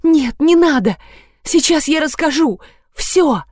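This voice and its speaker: A woman voices a tearful young woman who whines and begs, her voice pitched high and strained. Every line comes out wailing and pleading, in a dry, close recording. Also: expressive, unhurried, a little mellow, no room sound.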